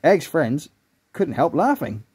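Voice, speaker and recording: A man reading a children's story aloud in a lively, animated way. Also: fairly high pitch, slow, husky.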